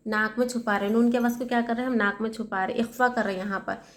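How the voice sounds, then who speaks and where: A woman teaching Quran recitation step by step. She asks her own questions and answers them, and she spells out letters slowly. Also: on the high side, steady tone, fairly bright tone. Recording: echoey room.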